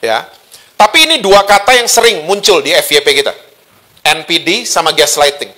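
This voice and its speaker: Bright, high-voiced joking preacher man. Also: lively intonation, normal speed. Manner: humorous, conversational, teasing the congregation. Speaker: pastor. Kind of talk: sermon.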